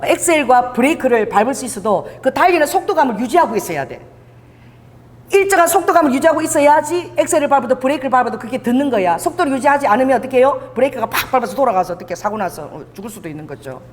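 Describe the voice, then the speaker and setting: A woman pastor in middle age preaches a lively sermon, often asking the congregation to repeat lines after her and voicing quoted speakers. Her voice sits on the higher side. It rings out with the long reverb of a church sanctuary. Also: fast.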